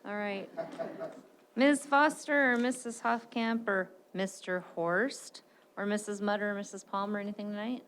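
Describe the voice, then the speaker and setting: A woman chairing a school board meeting, brisk and joking as she calls on members and runs the votes. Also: mid-range voice, fairly even intonation, fairly bright tone, slight background noise.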